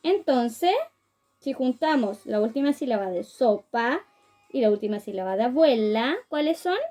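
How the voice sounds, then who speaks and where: A woman's voice: on the high side, animated, normal speed, dark tone, faint music behind. A woman teaching a phonics lesson to small children, sounding out words syllable by syllable and praising them often. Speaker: preschool teacher.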